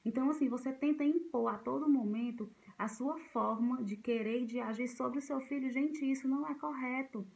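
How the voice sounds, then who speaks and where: Gravelly-voiced woman teaching parents. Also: high voice, normal speed, few pauses, a little mellow, low-quality recording. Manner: conversational, repeats herself, many fillers and restarts. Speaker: parenting educator. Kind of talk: informal talk to parents.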